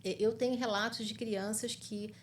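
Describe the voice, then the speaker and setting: Expressive Brazilian woman psychologist. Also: fairly high pitch, moderate pace, slight background noise. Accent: Brazilian Portuguese. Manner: expressive, acts out quoted dialogue with lively shifts in voice. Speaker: guest psychologist. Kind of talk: conversational interview answers.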